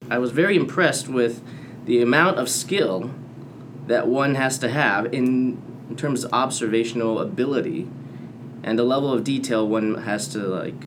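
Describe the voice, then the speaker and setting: A man's voice: medium pitch, normal speed, fairly bright tone, a little hiss or hum. A man, a medical fellow, talking casually on a podcast panel, thoughtful and hedging with "you know" and "like".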